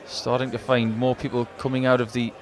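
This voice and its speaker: A man's voice: medium pitch, level tone, brisk. A man giving analytical, chatty live commentary as a darts co-commentator. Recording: crowd noise behind commentary. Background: darts crowd.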